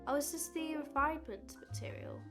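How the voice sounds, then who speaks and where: A woman streamer with a stuffed-up nose chats casually over her gameplay, reading menu items aloud and cheering at every small win. Her voice is a little higher than most, and game music plays steadily behind her. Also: fairly quick. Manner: reads the game's menus aloud and cheers at small wins. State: blocked nose.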